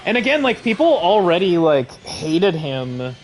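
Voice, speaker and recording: A man co-hosting a live game stream in casual chat, easygoing and agreeable, laughing often and filling pauses with "like" and "um". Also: high-pitched, big pitch swings, slight background noise, poor audio. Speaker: streamer co-host.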